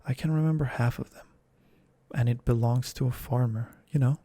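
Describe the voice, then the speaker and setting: A man voicing a polite, eager young girl in a soft whispered role-play. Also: mid-range voice, steady tone, moderate pace, dry recording, natural voice. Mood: earnest. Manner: earnest, eager, soft-spoken.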